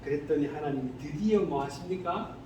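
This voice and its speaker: Male pastor, sermon, high lively pitch, echoey room with faint hiss. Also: brisk. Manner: animated, asks the congregation rhetorical questions. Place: church sanctuary. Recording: echoey hall, distant mic, faint noise.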